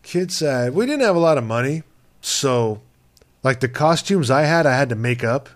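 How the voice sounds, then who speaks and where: A man's voice: medium pitch, expressive, normal speed, dry recording. A man co-hosting a podcast in casual banter, joking crudely and swearing often. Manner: crude, profane joking with frequent laughs. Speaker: podcast co-host.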